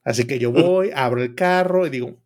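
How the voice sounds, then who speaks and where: A man's voice: mid-range voice, fairly quick, darkish tone. A man with a Mexican accent, casually telling a story on a podcast in a swearing, slang-heavy way packed with filler words. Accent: Mexican Spanish. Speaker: podcast co-host.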